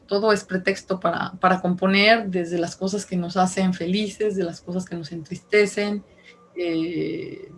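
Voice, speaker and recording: A Mexican woman composer introduces herself in a short video. She speaks in a relaxed, reflective way, with a voice of ordinary pitch for a woman. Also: a little hiss or hum.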